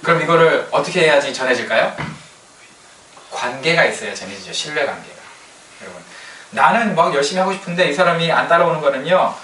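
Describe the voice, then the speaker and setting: A man preaching a sermon as a pastor, in a lively, colloquial way, sometimes acting out what people say. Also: a little high, a little fast, a little hiss or hum. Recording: roomy hall sound, distant mic, faint ambience.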